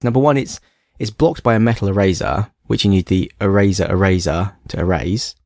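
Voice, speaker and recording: Low-voiced snarky man, dry sound. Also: a little fast, a little mellow, dry recording. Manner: playful, snarky and self-mocking. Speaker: podcast co-host. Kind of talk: casual chat.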